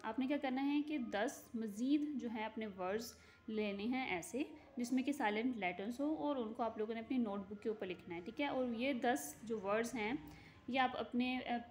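A woman English teacher giving a recorded class lesson. She reads English sentences slowly, explains them quickly in Urdu-Hindi, and keeps checking with her students. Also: a little high, darkish tone, slight background noise. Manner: frequent "theek hai" checks with students.

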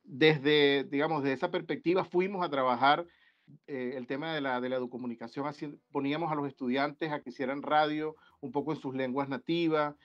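A man from Venezuela, a guest researcher on an academic video-call panel, talking in a halting way with many restarts and fillers. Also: a little high, steady tone. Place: indoor room. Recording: dull lo-fi video-call audio.

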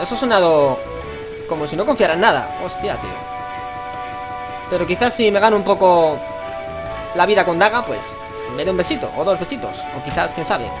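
A young man with a Spain Spanish accent chats his way through a video game, cracking crude jokes. His voice sits high and swings around a lot. Game music plays clearly under him. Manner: joking, crude, chatty, reads game lines aloud. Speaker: gamer. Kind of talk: casual let's play commentary.

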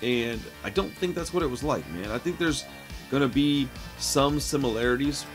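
Over music, a man of medium pitch speaks at normal speed, giving a casual, talkative horror movie review. He's in his late thirties, at home among shelves of records and films, and keeps addressing the listener as "man."

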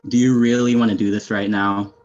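A man's voice: fairly low pitch, flat delivery, fairly quick, a little mellow, close to an everyday voice. A young man playing a stern, weary, menacing anarchist fighter, curt and sardonic, in an amateur video game role-play drama. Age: young adult. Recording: muffled lo-fi headset audio.

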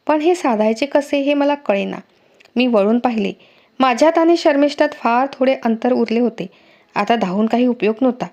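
A woman reading a novel aloud as a first-person storyteller, with an expressive, dramatic delivery. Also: fairly high pitch, moderate pace, muffled recording. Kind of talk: audiobook narration.

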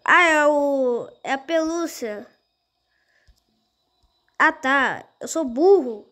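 A young girl playing a game on her channel, talking to herself as she goes and easily startled. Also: sits high. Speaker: gaming channel host. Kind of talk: casual gameplay commentary.

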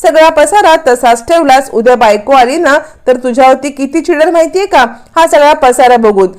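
A woman's voice: sits high, moderate pace, darkish tone, close to an everyday voice. A woman voicing a fussing, scolding mother. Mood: fretting. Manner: scolding, fretting. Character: fussing middle-aged mother, scolding and worried.

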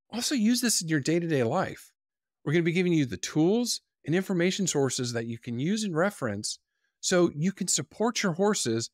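Man in his forties, course instructor, animated pitch, dry close studio mic. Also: dry recording. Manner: upbeat, lively teaching delivery. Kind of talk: course introduction to camera. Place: small indoor studio with wood wall. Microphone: studio mic on boom arm.

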